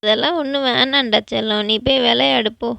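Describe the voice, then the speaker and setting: A woman voicing a kindly elderly grandmother in a doll vlog, speaking softly and patiently. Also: on the high side, fairly even intonation, brisk, vocal fry, dry recording, full character voice. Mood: tender. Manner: soft, patient, affectionate.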